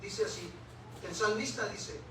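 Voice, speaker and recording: Emphatic Mexican pastor in echoey church. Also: male voice, sits high, measured pace. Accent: Mexican Spanish. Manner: emphatic preaching with rhetorical questions to the congregation. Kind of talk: sermon. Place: church hall. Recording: echoey hall, distant mic, audible room noise.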